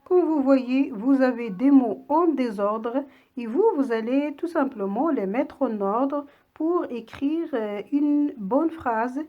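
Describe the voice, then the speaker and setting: A woman teaching a children's reading lesson in a slow, deliberate voice. She sits a little high in pitch and lays out each word patiently, breaking it into syllables for young pupils. It sounds like a voice-over. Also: lively intonation, highs cut off. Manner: patient, clearly spelled-out words for young children. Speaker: primary school teacher. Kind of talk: slow classroom lesson read-aloud.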